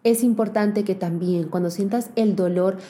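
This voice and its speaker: Woman coach talking straight to you, earnest, mellow dark tone, slows way down on the big words. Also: mid-range voice. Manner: addresses the listener directly and warmly. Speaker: motivational speaker for women. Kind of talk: earnest motivational address to women.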